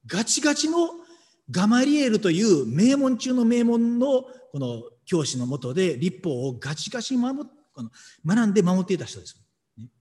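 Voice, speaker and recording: A male pastor reading scripture and preaching, emphatic and animated, with dramatic pauses. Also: high-pitched, big-room sound.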